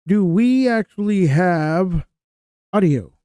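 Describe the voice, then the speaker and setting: A man's voice: high voice, animated, slow, dark tone, clear, resonant tone, no room sound, clean studio sound. A man hosting a casual live stream, his mic-check audio glitching and repeating in a loop. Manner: mic check, asking if he can be heard. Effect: glitching audio stuck repeating in a loop. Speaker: host.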